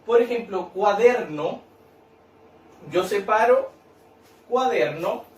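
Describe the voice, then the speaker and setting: A high-voiced man teaches slowly and patiently, stretching out words. He sounds set back from the mic in an echoey room with faint noise behind him. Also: animated, distant mic. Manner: patient, repeats and claps out syllables, tag questions. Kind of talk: recorded lesson explaining a worksheet.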